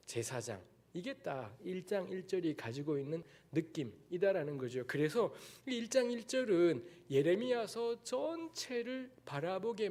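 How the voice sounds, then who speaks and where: A man's voice: sits high, a little mellow. A man from Daegu giving a lecture-style sermon as a guest preacher in a church, talking bluntly and candidly with frank asides. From Daegu, South Korea. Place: church sanctuary.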